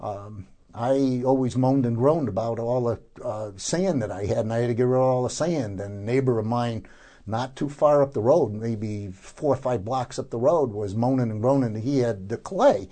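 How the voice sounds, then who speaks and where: An older man being interviewed as a gardener, informally explaining how to do things, haltingly and often searching for words. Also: medium pitch, mellow.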